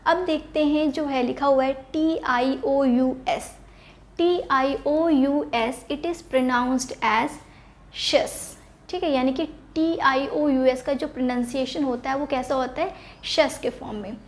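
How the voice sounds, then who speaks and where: High-voiced woman teaching spelling. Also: fairly even intonation, unhurried. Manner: explains step by step, poses questions then answers them; mixes English words into Hindi teaching. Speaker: English teacher. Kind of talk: spelling and pronunciation lesson.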